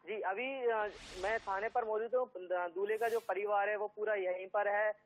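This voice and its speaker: A man reporting live from a police station, talking haltingly with many filler sounds as he recounts events. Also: sits high, fairly even intonation, a little hiss or hum. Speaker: field reporter. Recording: tinny phone line.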